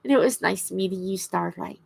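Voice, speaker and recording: A woman chatting casually and haltingly on a livestream, her words slightly impeded by a swollen lip. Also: on the low side, vocal fry, a little hiss or hum. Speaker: craft livestream host. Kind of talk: casual rambling livestream chat.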